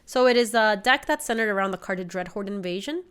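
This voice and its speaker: A woman in her twenties streams from her home setup, sniffly from a slight cold, chatting casually about her card game deck and why she picked it while reading chat aloud. Her medium-pitched voice is clear, resonant and a bit bright, with lively intonation and a slightly fast pace.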